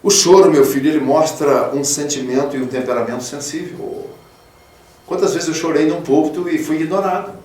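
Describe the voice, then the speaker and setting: High-pitched preaching man, roomy sound. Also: brisk, far from the mic. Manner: fatherly, calls listeners 'filho'; swings from loud emphatic peaks to soft low tones. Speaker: pastor. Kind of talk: radio sermon. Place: radio studio.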